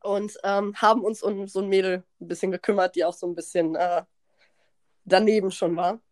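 A young woman hosting a podcast, telling a party story in slangy, animated casual chat and acting out what people said. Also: medium pitch, normal speed. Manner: animated, slangy, acts out quotes, laughs often. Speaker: podcast host.

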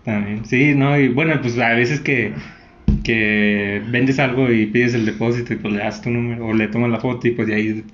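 Young Mexican man telling a story deadpan. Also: medium pitch, normal speed. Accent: Mexican Spanish. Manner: deadpan anecdote telling, mimics voices in quotes. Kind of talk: casual storytelling chat. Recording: roomy muffled recording.

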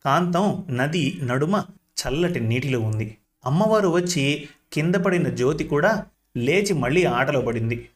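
A man reading a village tale as a storyteller, steady and even. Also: a little high, a little slow. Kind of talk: scripted narration.

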